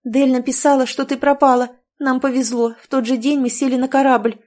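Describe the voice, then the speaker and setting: A woman voicing a frank, lively young woman friend in an audiobook, speaking in a lively way. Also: high voice, moderate pace, breathy edge, pitched above the performer's own voice.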